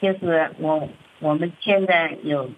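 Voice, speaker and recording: A woman's voice: deep voice, steady tone, measured pace. A middle-aged woman, a church member, telling her family troubles in a hesitant, plaintive way, often repeating words and restarting. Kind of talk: halting personal account. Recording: muffled lo-fi recording.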